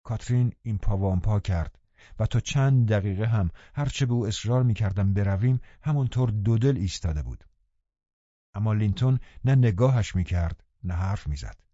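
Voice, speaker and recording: A man narrating a classic novel in a calm, even storytelling manner. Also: fairly low pitch, no echo, muffled recording. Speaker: audiobook narrator.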